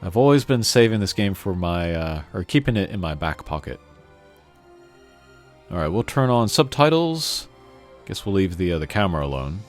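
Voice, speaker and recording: A man with a low voice gives casual let's-play commentary as he plays a video game, very animated at normal speed. He rambles and offers opinions informally, with faint game music behind him.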